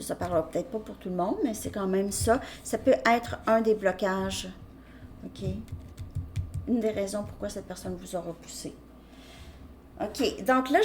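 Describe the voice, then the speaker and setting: A woman's voice: medium pitch, slight background noise. A woman giving a casual tarot reading, talking hesitantly with frequent restarts and "ok?" check-ins. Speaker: tarot reader.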